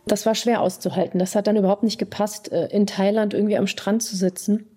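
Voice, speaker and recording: A woman psychotherapist, born in Iran, answering interview questions in a thoughtful, deliberate way, pausing to search for words. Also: mid-range voice, flat delivery, warm tone. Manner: thoughtful, deliberate, with pauses and fillers.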